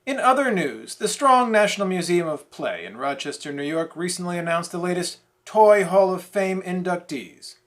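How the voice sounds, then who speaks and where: A man reading a scripted parody newscast as its anchor, with a deadpan newsreader delivery. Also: high voice, normal speed, hardly any pauses. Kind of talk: scripted mock newscast narration.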